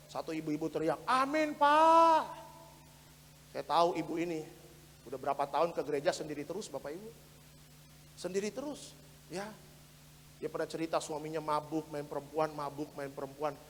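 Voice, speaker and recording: A man preaching a sermon as pastor, fervent and direct with his congregation, switching between loud exhortation and quiet asides. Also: fairly high pitch, slight background noise. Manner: repeats phrases and addresses the congregation directly. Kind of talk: sermon for an online Sunday service. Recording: long hall reverb.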